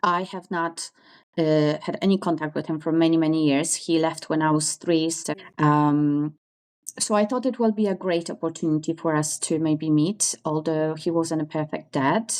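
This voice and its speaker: A woman, telling her life story as a podcast guest, pausing often with fillers and self-corrections. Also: low voice, steady tone, a little mellow. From Poland. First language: Polish. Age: 40s. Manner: thoughtful, pauses with many fillers and self-corrections. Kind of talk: interview storytelling.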